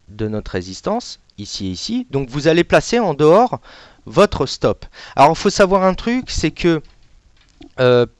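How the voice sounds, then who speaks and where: Casual French man demoing trading software. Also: medium pitch, smooth, no echo. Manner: casual, hesitant, many fillers and sound words; says he is not an analyst. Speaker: software demonstrator. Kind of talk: live software demo webinar.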